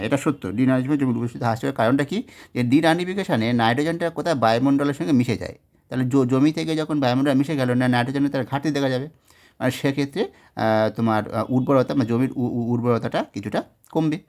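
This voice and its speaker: A man teaching, working through exam question answers step by step, often pausing, correcting himself and checking that students follow. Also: mid-range voice, darkish tone. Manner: explains step by step, checks in with "ঠিক আছে?"; frequent hesitations and self-corrections. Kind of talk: exam solution walkthrough.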